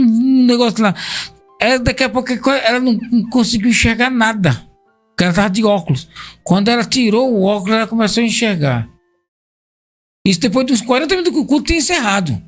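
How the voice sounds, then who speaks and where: A middle-aged man with a Brazilian Portuguese accent, a guest pastor telling testimonies on a podcast and repeating phrases for emphasis. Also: very high-pitched.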